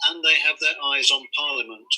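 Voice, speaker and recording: A man narrating a scripted news report in a measured, formal way. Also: on the high side, pushed and bright, poor audio.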